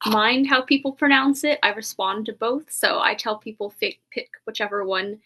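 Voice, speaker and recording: A woman from the United States chatting over a video call about herself as an author. Her voice is bright and forward, and a little higher than most. She talks in an upbeat, chatty way. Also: steady tone, moderate pace, a little hiss or hum. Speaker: anthology author. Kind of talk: self-introduction on a live stream.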